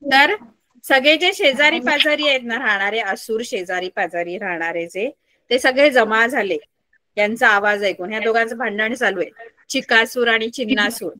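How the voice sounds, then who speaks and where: A woman teacher reading a story aloud in an online class, explaining it slowly and asking the children questions. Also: a little high, bright, forceful tone, dry recording.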